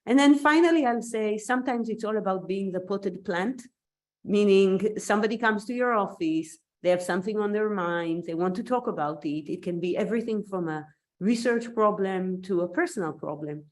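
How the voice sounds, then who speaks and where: Here a woman from Israel, whose first language is Hebrew, presents a considered seminar talk online as a guest scientist. She speaks at medium pitch and a moderate pace. An occasional cough reveals she is recovering from being sick.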